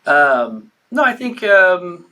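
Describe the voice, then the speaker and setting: A man, a guest who is an entertainer and pastor, talking casually in an interview, animated and jokey with lots of filler words. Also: sits high, slow pace.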